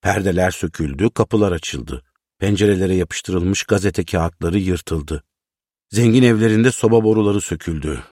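Deep male narrator, measured literary reading, very dry close sound. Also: darkish tone, dry recording. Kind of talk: storybook reading.

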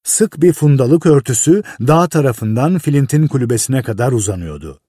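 A man reading a story aloud in a lively way, with a husky voice. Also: mid-range voice, moderate pace, no room sound, studio quality. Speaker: narrator. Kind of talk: audiobook reading.

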